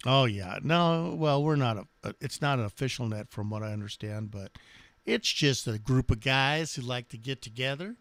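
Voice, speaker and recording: A man's voice: mid-range voice, lively intonation, moderate pace, fairly bright tone, no room sound. A man chatting casually and hesitantly on amateur radio, rambling in a laid-back way. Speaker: amateur radio operator and live streamer.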